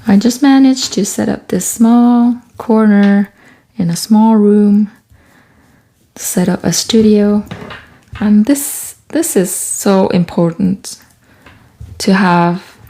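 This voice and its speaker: A soft-spoken woman from Quebec, Canada, whose first language is French, talks slowly and casually while making a collage in a small home studio. She is an artist and author who vlogs, and her voice is medium-pitched and steady.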